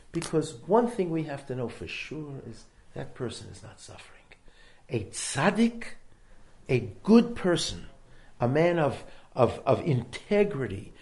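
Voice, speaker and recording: A man's voice: mid-range voice, vocal fry, darkish tone. A man giving a rabbi's sermon, emphatic, repeating phrases with building intensity. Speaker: rabbi giving a religious talk.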